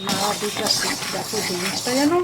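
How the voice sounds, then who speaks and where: A woman's voice: medium pitch, fairly quick, very noisy. A woman with an East Bengali Bangal accent chatting homely to viewers while cooking in her home kitchen. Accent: Bangal East Bengali dialect. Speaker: cooking vlogger. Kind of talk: casual cooking demonstration. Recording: loud kitchen clatter of pots and stirring.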